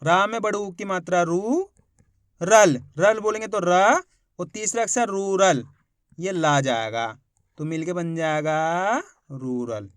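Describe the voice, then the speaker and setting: A man teaching a reading lesson, slowly sounding out each syllable and encouraging viewers to follow along. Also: high voice, smooth, no echo, clean studio sound. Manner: slow, syllable-by-syllable spelling out of words; addresses viewers directly as friends, encouraging.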